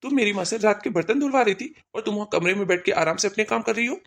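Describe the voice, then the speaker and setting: Cartoon role: hot-tempered husband, thirties, voiced by a woman, mid-pitched voice, stern scolding delivery. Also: fast, natural voice. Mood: angry.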